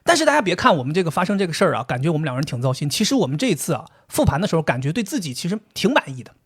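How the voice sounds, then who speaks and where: A man co-hosting a casual podcast, telling a story in an animated way and laughing often. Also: a little high, rapid-fire, slightly rough. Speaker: podcast co-host.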